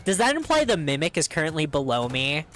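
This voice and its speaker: A young man giving casual, excited, rambling commentary while streaming a game, laughing often. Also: a little high, fairly quick, a little hiss or hum.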